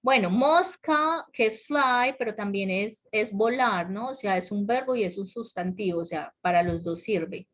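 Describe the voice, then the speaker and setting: A woman leads an online English lesson, talking through grammar points at a relaxed, patient pace. She often stops to check in with her students. Her voice sits at an ordinary middle pitch and comes through a computer microphone on a video call. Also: a little slow, few pauses. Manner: explains patiently, asks the class questions, laughs lightly. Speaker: English teacher. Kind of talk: online class explanation. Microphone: computer mic on a video call.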